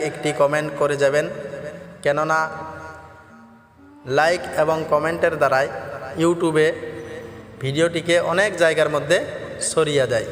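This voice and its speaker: A man teaching how to pronounce verses, explaining each sound slowly and chanting the lines in a drawn-out way. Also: fairly high pitch, fairly bright tone. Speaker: Quran recitation teacher. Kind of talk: tajweed lesson with chanted recitation. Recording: echoey hall with faint music.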